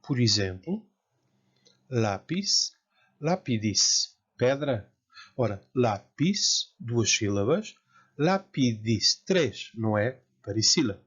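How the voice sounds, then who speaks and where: A man from Portugal with a European Portuguese accent, giving a careful, slow lecture as a Latin teacher. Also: medium pitch, big pitch swings, breathy edge. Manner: slow, careful, spells out word forms. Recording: dull lo-fi sound.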